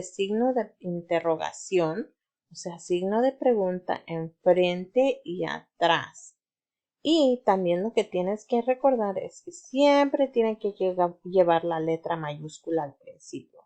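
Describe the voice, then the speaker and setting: Slow, patient woman teacher. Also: medium pitch, dark tone. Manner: patient, asks pupils to repeat words after her. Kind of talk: slow, deliberate grammar lesson for children.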